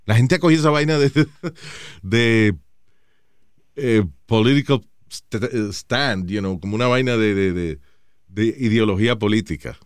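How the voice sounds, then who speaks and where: A man's voice: on the low side, unhurried, clear, resonant tone, no room sound, clean studio sound. A man co-hosting a talk show, chatting casually while switching between Spanish and English and swearing freely. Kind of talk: casual bilingual chat.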